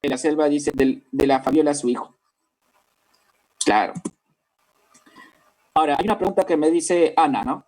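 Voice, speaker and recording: A man's voice: fairly high pitch, normal speed, pauses often, darkish tone, low-quality recording. A man with a Lima Peruvian accent, teaching a language class step by step and often asking his listeners whether they follow. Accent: Peruvian Spanish, Lima. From Peru. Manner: explains step by step, keeps checking with listeners. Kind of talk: classroom lecture.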